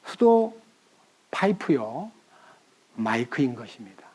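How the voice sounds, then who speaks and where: A man's voice: medium pitch, sing-song, slow pace, a little mellow, slightly rough. A man preaching a sermon into a microphone in a church, emphatic, often asking the congregation questions and acting out prayers in a raised voice. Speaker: pastor.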